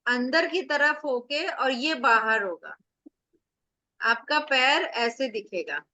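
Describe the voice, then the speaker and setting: High, bright-voiced woman teaching online. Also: expressive, slow pace, no echo. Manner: explains step by step, asks rhetorical questions; firm with students. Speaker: acupressure teacher. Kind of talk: online revision lecture.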